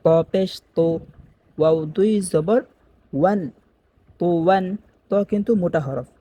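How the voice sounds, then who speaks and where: A man teaching Quran reading, spelling out letters slowly and repeating each word for beginners. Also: high voice, dark tone, highs cut off. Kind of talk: step-by-step spelling lesson.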